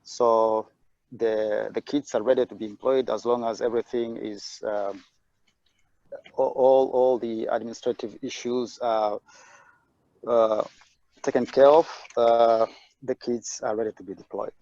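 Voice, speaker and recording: A man's voice: mid-range voice, steady tone, measured pace, gravelly, mellow, no echo. A man presenting over an unstable video-call connection, talking hesitantly with many fillers. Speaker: webinar presenter. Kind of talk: online presentation. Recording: dull lo-fi online call audio.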